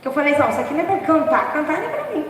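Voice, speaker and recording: Preaching informally in a big church hall, this hoarse dance-ministry woman talks very fast with big swings in her high voice, joking and laughing at herself. A distant recording leaves heavy echo plus slight hiss or hum.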